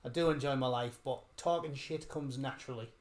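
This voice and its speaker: A man's voice: medium pitch, brisk. A man chatting as an interview guest, talkative and cheerfully foul-mouthed. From England. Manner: chatty, swearing, self-described gobshite. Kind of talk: casual interview chat.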